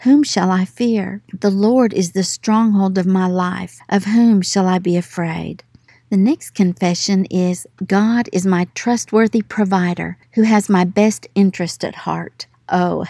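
A woman teaching a devotional, reading scripture aloud with earnest encouragement. Her voice is mellow and warm, and the recording is close and dry. She slows down to stress key phrases. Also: medium pitch, creaky, no echo.

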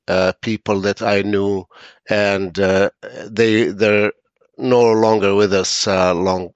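A man's voice: lowish voice, no echo, lo-fi sound. A man in his seventies from Palestine, speaking as a podcast guest in a hesitant, reflective way with many fillers. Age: 70s. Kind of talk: conversational interview.

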